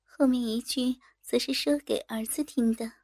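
A woman reading a first-person story aloud in a soft, intimate, unhurried manner. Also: a little high, fairly even intonation, breathy edge, no echo, clean studio sound.

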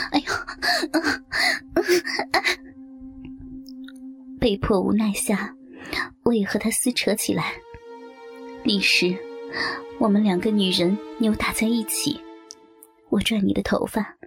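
A woman reading a first-person story aloud in a soft, half-whispered delivery. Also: medium pitch.

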